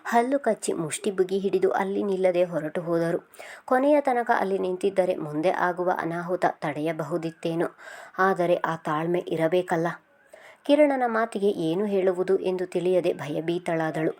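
A woman reading a serialized novel aloud with steady, emotive storytelling. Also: fairly low pitch, normal speed. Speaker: narrator.

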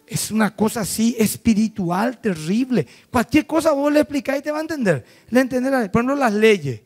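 A man from Paraguay, preaching a sermon and acting out quick mock dialogues. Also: very high voice, expressive. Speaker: pastor.

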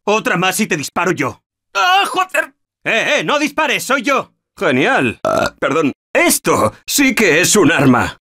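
An anxious everyman fighting through a zombie video game. His Castilian Spanish voice is husky and emotive. He speaks in slangy, unhurried phrases with big swings in pitch. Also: wildly swooping pitch, bright, forceful tone, full character voice. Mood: annoyed, pained, then casual.

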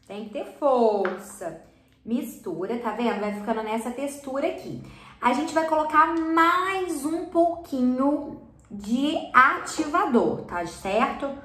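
A woman with a higher, slightly bright voice hosts a slime channel, running a hands-on craft tutorial for kids. She's chatty and encouraging, checking in with viewers often, from a studio corner crammed with colorful slime products. A fixed camera on the table captures her in mid shot, and the room adds a roomy echo.

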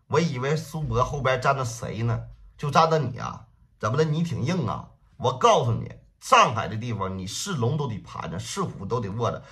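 A man voicing a brutal, mocking gangster enforcer, shouting threats. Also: medium pitch.

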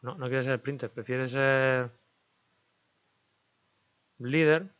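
Male gaming host, chatty self-talk over gameplay, crisp slightly dull mic. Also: medium pitch, fairly even intonation, slow pace. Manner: chatty, talks to himself and viewers while negotiating. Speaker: gaming YouTuber. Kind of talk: casual game commentary.

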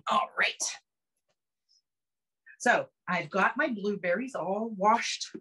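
A woman's voice: mid-range voice, slow pace, pushed and bright, slight background noise. A middle-aged woman giving a chatty, upbeat cooking demonstration from her home kitchen, explaining each step. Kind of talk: casual cooking demo on a video call. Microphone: phone camera close up.

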